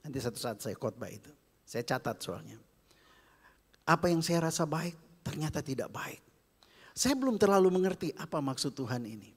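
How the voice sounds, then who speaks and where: A man preaching a sermon as pastor, with an Indonesian accent, swinging from loud calls to hushed whispers. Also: on the high side, sing-song, normal speed, slightly rough. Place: church hall. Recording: long reverb of a church hall.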